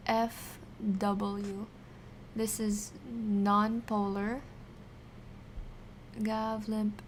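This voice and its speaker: A woman's voice: mid-range voice, a little hiss or hum. A woman streamer teaching science in a casual live session, talking to herself as she works through problems. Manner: talks to herself while working through problems. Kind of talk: casual live tutoring, thinking aloud.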